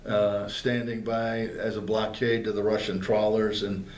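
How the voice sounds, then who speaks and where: A man's voice: fairly low pitch, little pitch movement, unhurried, a little mellow. An older man from northeastern Pennsylvania, telling his service stories in a plainspoken way with many fillers and restarts, interviewed in a library. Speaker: veteran interviewee. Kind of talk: oral history interview. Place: public library room. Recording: roomy, with faint background noise.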